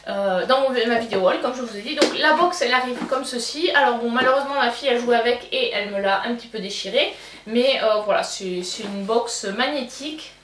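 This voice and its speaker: Chatty French woman with a high voice. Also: a little fast, a bit bright, slight background noise. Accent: French, self-described accent. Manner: chatty, many fillers and restarts. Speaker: beauty vlogger. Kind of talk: casual unboxing review. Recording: echoey room, from a distance.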